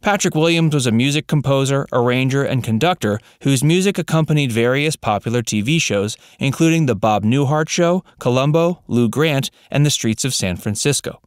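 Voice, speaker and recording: A man narrating a scripted voice-over, reading facts in an even, read-out way. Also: mid-range voice, clear, resonant tone, no echo, clean studio sound.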